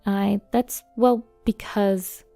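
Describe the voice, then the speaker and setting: A woman's voice: on the low side, moderate pace, no echo, faint music behind, close to an everyday voice. A woman voicing a haughty, irritable young bride who talks sharply and scornfully in a storybook reading. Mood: flustered. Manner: sharp, scornful and stammering when cornered.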